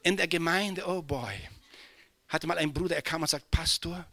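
A male pastor preaching a sermon, swinging from hushed, near-whispered lines to loud impassioned cries, with English exclamations dropped into his delivery. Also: on the high side, fairly even intonation, moderate pace, vocal fry.

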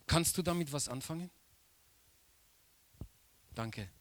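A man preaching a sermon slowly and emphatically, repeating key phrases for weight. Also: on the high side, animated, a bit bright.

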